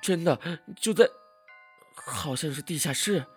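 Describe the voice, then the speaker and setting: A man voicing a frightened, hesitant young man in a storybook tale, speaking in a hushed and halting way. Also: fairly high pitch, husky, faint music behind. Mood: anxious.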